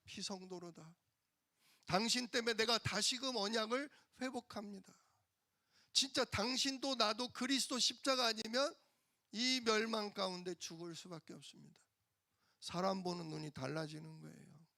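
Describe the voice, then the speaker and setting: Man pastor preaching in church, bright gravelly voice, pushy questions to the crowd. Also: high-pitched, fairly even intonation, normal speed, no echo, studio quality. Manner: emphatic, rhetorical questions to the congregation. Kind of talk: sermon.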